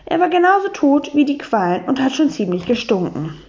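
Woman reading a kids' story, animated pitch, higher voice, dull lo-fi sound. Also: a little fast. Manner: lively first-person telling as a boy. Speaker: audiobook reader. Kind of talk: children's storybook narration. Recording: dull lo-fi recording.

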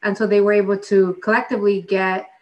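A woman's voice: medium pitch, flat delivery, fast talker, recorded from a distance, highs cut off. A woman giving an unscripted expert explanation in an interview, working through it step by step and often rephrasing. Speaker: interviewed expert, legislative advocate.

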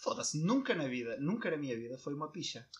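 A man's voice: fairly high pitch, sing-song, fast talker, slightly rough, dull audio. A man with a northern Portuguese accent chatting casually with a friend, slangy and foul-mouthed. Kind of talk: casual banter between friends.

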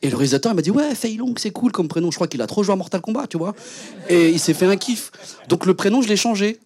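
A young adult man, a guest actor on a panel, telling stories in a relaxed, slangy way. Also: sits high, fast talker. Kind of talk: casual panel talk.

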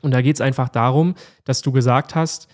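A man's voice: medium pitch, fairly even intonation, normal speed, a little mellow. A man hosting a podcast, who praises his guest with enthusiasm and speaks directly to his listeners. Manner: enthusiastic, effusive, talks to listeners. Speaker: podcast host. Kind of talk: casual podcast interview.

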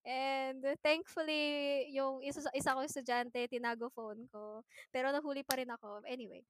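A woman who is a teacher, telling classroom stories in a casual podcast chat, animated and laughing often as she mixes Tagalog and English. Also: high-pitched, normal speed, slight background noise.

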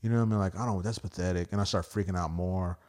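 A man's voice: sits low, rapid-fire. A young man with frat-bro swagger telling stories in casual podcast chat, slangy and profane, acting out dialogue as he goes. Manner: animated storyteller acting out quoted dialogue.

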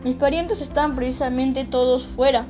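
A woman voicing a young boy vampire in a storybook reading, wry, secretive and often hushed. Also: high voice, fairly even intonation, moderate pace, music in the background, lightly acted.

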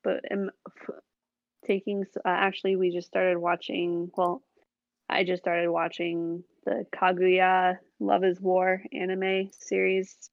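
A woman with a gravelly, fry-laden voice chats casually and gets animated as she explains what she's been watching. The sound is dry and close, with a slightly dull, lo-fi tone. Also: on the low side, slow, dry recording. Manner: chatty, animated when describing shows. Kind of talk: casual chat.

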